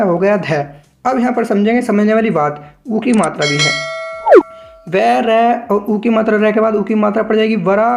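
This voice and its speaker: A shorthand teacher giving a patient step-by-step tutorial, sounding out syllables slowly one at a time and addressing learners as friends. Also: medium pitch, vocal fry, a little mellow.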